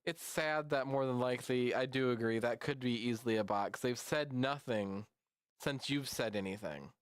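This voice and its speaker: A rambling, chatty man talks to his stream chat in an easy, conversational way while reacting to memes. His voice sits at a middle pitch, and the sound is dry and close with no room behind it. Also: normal speed, clear, resonant tone, no room sound.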